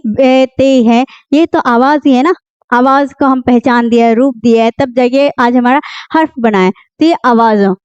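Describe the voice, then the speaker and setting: A woman teaching a beginner Urdu lesson, repeating each word slowly and asking and answering her own questions. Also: sits high, darkish tone, no echo. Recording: dull lo-fi dry sound.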